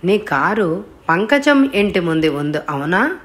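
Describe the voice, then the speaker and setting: Woman voicing a young male blackmailer, calm, mocking, unhurried, lowish voice, audiobook. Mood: taunting. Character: cool, taunting young male blackmailer on the phone. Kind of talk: audiobook character voice.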